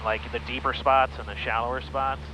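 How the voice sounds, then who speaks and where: A man's voice: mid-range voice, little pitch movement, brisk, dull audio. A man flying a small plane, chatting casually as a private pilot and making pilot radio calls on a headset. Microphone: aviation headset intercom. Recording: cockpit intercom with faint engine noise.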